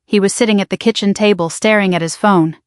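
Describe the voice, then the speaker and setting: A woman reading a dramatic first-person story in an even, measured way. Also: medium pitch, dry recording, studio quality. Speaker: narrator.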